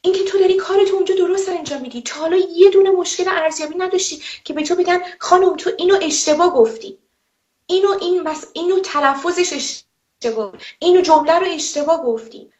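Indignant high-voiced woman, roomy sound. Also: a little mellow. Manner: emphatic, indignant, with rhetorical questions. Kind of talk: personal testimony. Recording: roomy, slightly dull audio.

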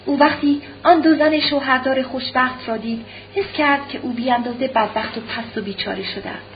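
A woman narrating an audiobook of a classic novel in a steady, measured way. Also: sits high, muffled recording, soft background music.

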